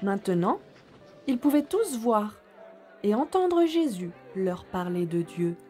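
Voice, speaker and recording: A woman storyteller narrating for children in a gentle, measured, expressive way. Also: medium pitch, faint music behind.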